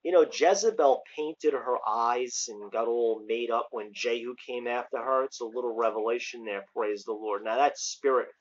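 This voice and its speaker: Speaking at a moderate pace with hardly a pause, a middle-aged American man delivers a casual online sermon with scripture readings, urging his listeners forcefully in colloquial terms. He stands outdoors on a covered porch, his medium-pitched voice picked up by a device mic at arm's length. The sound is dull.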